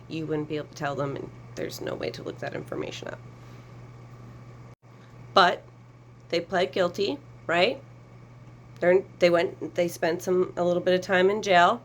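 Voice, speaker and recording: Low-voiced woman explaining with emphasis. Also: a little hiss or hum, poor audio. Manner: earnest, emphatic, sarcastic at times. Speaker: survivor advocate. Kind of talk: direct-to-camera explainer.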